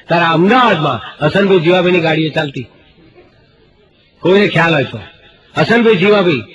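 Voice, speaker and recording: A high-voiced male stand-up comedian performs Gujarati storytelling comedy, heard on muffled radio with a breathy edge to his voice. His delivery is jokey and anecdotal, acting out dialogue and reciting couplets.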